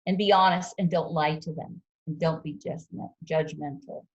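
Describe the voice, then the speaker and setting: A woman instructor lecturing a ski patrol class, relaxed and conversational, quizzing students as she goes. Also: deep voice, normal speed, husky, lo-fi sound. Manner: relaxed, conversational teaching with fillers and quizzing questions.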